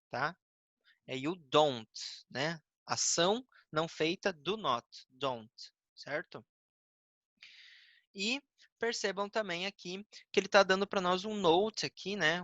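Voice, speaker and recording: Brazilian male English teacher, bright tone, dry close sound, patient step-by-step explainer. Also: on the high side, no room sound. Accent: Brazilian Portuguese. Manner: explains patiently, ends phrases with "tá?" and "né?", reads English examples slowly. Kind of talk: recorded grammar lesson.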